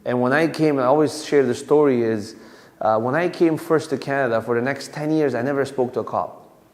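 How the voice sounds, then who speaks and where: In a community hall with long, echoing reverb, a man in his thirties from Afghanistan, a police officer, addresses the community casually, stumbling through fillers and restarts. He speaks fairly quickly in a medium-pitched, slightly mellow voice.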